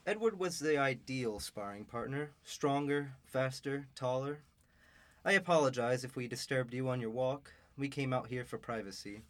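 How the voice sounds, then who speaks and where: A man's voice: mid-range voice, normal speed, lightly acted. A man voicing an older, courteous and weary knight in a student radio drama. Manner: formal, courteous.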